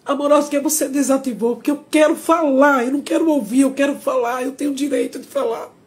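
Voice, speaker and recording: A woman's voice: high-pitched, fairly even intonation, fast talker. Tearful Sergipe woman on a live stream. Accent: Sergipe Brazilian Portuguese. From Sergipe, Brazil. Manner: tearful, confessional, pleading. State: crying. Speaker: singer. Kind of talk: emotional live stream monologue. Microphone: phone.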